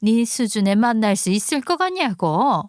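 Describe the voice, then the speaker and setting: A woman's voice: a little high, big pitch swings, normal speed, no echo, studio quality. Haughty scolding older mother-in-law, voiced by a woman. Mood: indignant. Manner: nagging, condescending, exclamatory scolding. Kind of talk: audio story drama reading.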